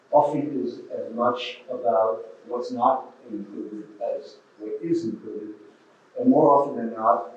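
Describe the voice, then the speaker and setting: A man's voice: medium pitch, darkish tone, dull audio, slight background noise. A man in the audience of a museum talk, earnestly asking a long question. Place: museum auditorium. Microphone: far from the mic. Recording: distant, echoey hall audio.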